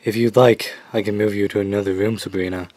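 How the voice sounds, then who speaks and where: A man playing a measured, paternal and condescending asylum doctor in a radio drama. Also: lowish voice, steady tone, darkish tone, no room sound, lightly acted. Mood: soothing, measured. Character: male asylum doctor, patronizing, measured, quietly sinister.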